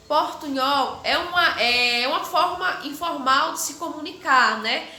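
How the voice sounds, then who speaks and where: Brief: middle-aged woman teacher, high bright voice, patient explainer, echoey room with faint hiss. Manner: explains slowly, keeps asking "né?" to check understanding. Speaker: Spanish teacher. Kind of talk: recorded online class.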